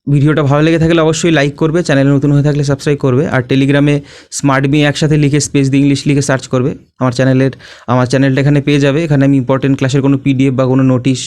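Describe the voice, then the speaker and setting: A young man with a Bengali accent, teaching an exam-prep English lesson, reading the English slowly and explaining it in Bengali. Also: mid-range voice, flat delivery, a little mellow.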